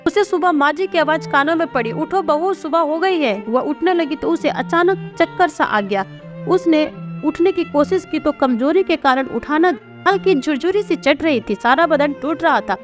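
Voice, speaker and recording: Woman storyteller, high voice, scripted narration, faint music underneath. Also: lively intonation, normal speed.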